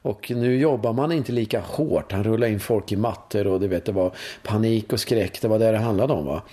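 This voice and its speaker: A man in his fifties from Sweden, a course leader being interviewed, telling stories in a lively way with frequent tag questions and swearing. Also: lowish voice. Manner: animated storytelling, frequent "va?" tags, swearing. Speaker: guest, course leader in sexuality and breathwork. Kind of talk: conversational interview.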